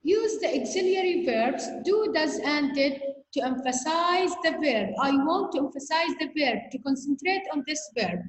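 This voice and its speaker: A woman's voice: high-pitched, animated, moderate pace, hardly any pauses. A woman teaching an English grammar lesson, explaining patiently and often asking "okay?" to check understanding. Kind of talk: recorded online grammar lesson. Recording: echoey room, long reverb, faint noise.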